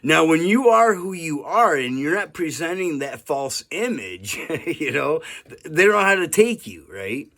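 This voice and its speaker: A man's voice: fairly high pitch, very animated, measured pace, a bit bright. A man in his fifties talking earnestly in a rambling monologue, often asking "right?" and chuckling now and then. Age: 50s. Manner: rambling and earnest, with frequent "right?" and "you know". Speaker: vlogger. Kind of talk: casual monologue to camera.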